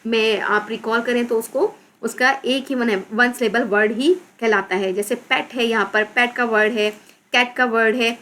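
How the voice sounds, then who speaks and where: A woman teacher with a Pakistani accent explaining a children's English lesson, reading English words slowly, repeating them and spelling them out. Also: a little high, sharp tone.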